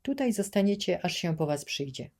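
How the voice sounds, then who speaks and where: A woman voicing a cruel, bullying male administrator who shouts threats at children, in an audiobook reading. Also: on the low side, big pitch swings, moderate pace, pitched above the performer's own voice. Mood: menacing.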